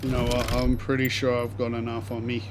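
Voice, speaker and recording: A man's voice: medium pitch, completely flat delivery, brisk, heavy background noise. A man giving casual, slangy live gameplay commentary, rambling as he thinks aloud. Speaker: game streamer.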